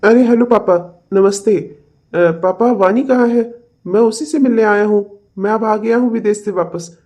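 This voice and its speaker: A man's voice: high voice, unhurried, a little mellow. A man voicing a self-satisfied, busy rich husband in a cartoon, breezy and demanding. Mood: insistent.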